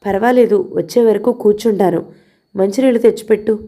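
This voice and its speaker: A woman's voice: medium pitch, a little fast, warm tone, lightly acted. A woman voicing an impatient young man visiting a house, talking in a brusque, demanding way.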